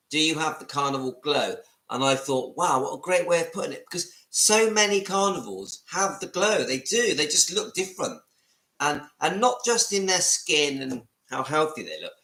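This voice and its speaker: Bright-voiced West Country man, fifties. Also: a little high, reverberant, poor audio. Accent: West Country English. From Southwest England. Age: 50s. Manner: chatty, rambling, greets commenters by name. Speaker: livestream vlogger. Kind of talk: casual live chat to viewers. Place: room at home.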